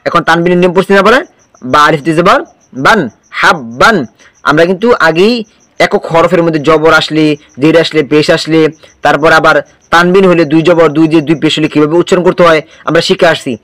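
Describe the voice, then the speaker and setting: A man's voice: a little high, steady tone, fast, fairly bright tone, no echo. A man teaching Quran reading, patiently drilling letter sounds and quizzing the viewer.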